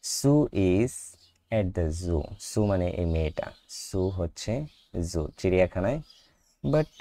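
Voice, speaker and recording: A man with a Bangladeshi Bengali accent teaching a primary school English lesson, asking questions and answering them himself, drawing out English phrases slowly and repeating sounds for practice. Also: deep voice, creaky, warm tone. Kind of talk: class five English lesson explained in Bengali.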